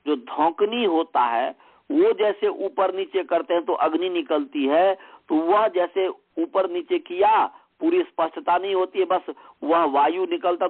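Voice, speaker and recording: A man who is a Sanskrit teacher and priest, giving a recorded lesson on pronunciation. He explains slowly and repeats and acts out each fault. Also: fairly high pitch. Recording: tinny phone-like recording.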